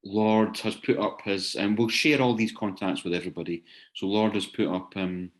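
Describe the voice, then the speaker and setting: A man wraps up an online seminar with informal spoken closing remarks to attendees over a video session. He hesitates and often repeats words while searching for the right phrasing. His voice is on the low side, with fairly even intonation and a normal speed.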